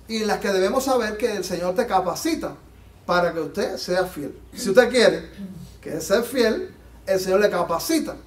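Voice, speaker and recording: Male pastor, very high voice, fervent sermon delivery, heard from off-mic in an echoey church. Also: far from the mic. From Latin America. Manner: fervent, rising to emphatic peaks and dropping low. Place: church sanctuary.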